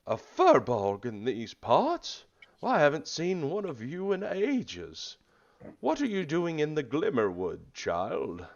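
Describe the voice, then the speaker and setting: A man's voice: a little high, huge pitch swings, slow, creaky, voice pushed up, full character voice. A man voicing a wise old turtle druid. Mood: surprised. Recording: slightly dull lo-fi mic.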